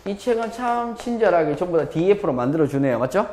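A man's voice: high voice, sing-song, fast talker, noisy background. A man teaching a live math class, quizzing students and checking in with them constantly. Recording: echoey classroom.

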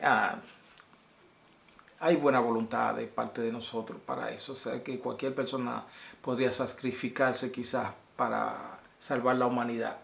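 A man's voice: mid-range voice, level tone, a little slow, gravelly, fairly bright tone. A man, talking casually and affectionately to his viewers in a video message, rambling and sending blessings from a small room at home. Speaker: vlogger. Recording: roomy echo.

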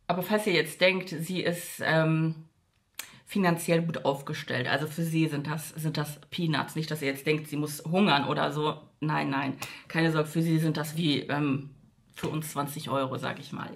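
Chatty woman telling a storytime. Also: a little slow. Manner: acts out quoted dialogue with shifts in pitch; frequent fillers and asides to viewers. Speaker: vlogger. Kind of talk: casual storytime monologue.

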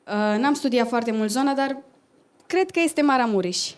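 A woman contestant on a TV show, answering with quick, modest replies. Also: a little high. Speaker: singing contestant. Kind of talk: TV contest, folk singing and chat.

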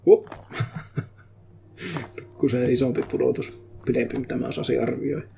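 A man giving casual commentary while he plays a game live, chatty and prone to excitable outbursts in English. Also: mid-range voice, vocal fry, noisy background. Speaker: streamer. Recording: game music behind voice. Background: game music.

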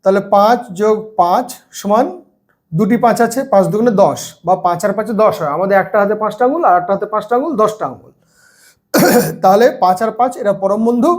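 A man's voice: sits high, darkish tone. A man, teaching first-grade maths in a casual video lesson, patient and step by step with everyday examples. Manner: clears throat now and then.

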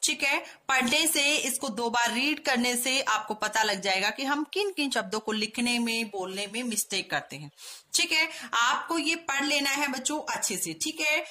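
A woman teacher giving a patient grammar lesson to schoolchildren, often repeating key words and reading example sentences slowly. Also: a little high, lively intonation, bright, forceful tone. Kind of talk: online Hindi grammar lesson for children.

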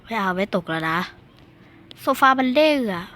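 A young woman chattering excitedly through casual gameplay commentary, squealing at near misses and talking to her viewers. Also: medium pitch, normal speed. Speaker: gaming video host.

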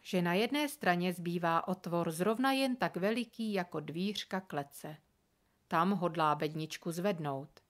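Brief: female narrator, fairly low voice, animated storybook reading. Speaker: reader.

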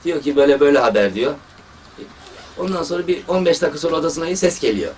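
A fast-talking surgeon with a fairly high voice gives a religious talk, weaving in stories from his practice and lively quotations of others. There's faint background noise, and the mic sits far from him.

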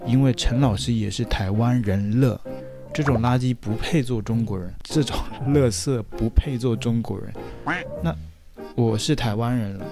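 A young man with a Taiwanese-tinged accent reads hostile comments aloud and tears into them with mocking sarcasm. His voice sits in an ordinary middle register, and music plays clearly behind him. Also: medium pitch. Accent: Taiwanese-accented Mandarin. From mainland China. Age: young adult. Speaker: YouTuber guest. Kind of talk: reading and rebutting viewer comments.

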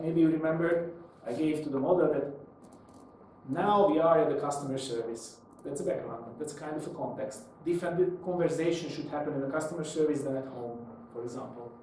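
A man with a slightly high, darkish voice gives a live technical lecture in a small indoor meetup room before a seated audience. He explains by posing questions and answering them, with non-native English phrasing, and the recording is echoey, with a distant mic and faint noise.

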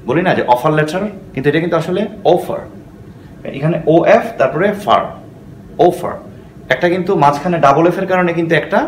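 A man's voice: a little high, roomy sound, slight background noise. A man gives a patient English lesson, often checking in with "okay?" and mixing English phrases into his explanations. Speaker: English teacher.

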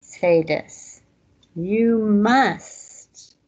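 A woman's voice: mid-range voice, extremely slow, a little mellow, lo-fi sound. A woman teaching a language class online, patiently explaining grammar step by step.

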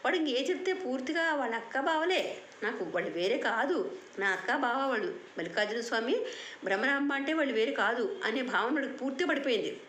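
An older woman telling a children's bedtime story in an animated, moralizing way. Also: sits high, brisk. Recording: roomy echo with faint hiss.

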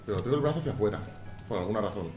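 Man, casual gaming commentary, animated, shouted exclamations, roomy sound. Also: on the low side, very fast. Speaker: gaming YouTuber. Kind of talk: casual let's-play commentary. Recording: roomy sound with faint game music.

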